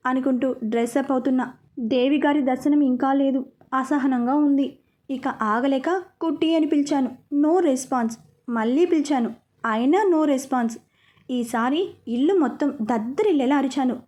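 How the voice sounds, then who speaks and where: A woman narrating a first-person romance story in an expressive, chatty way, asking listeners asides. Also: high-pitched.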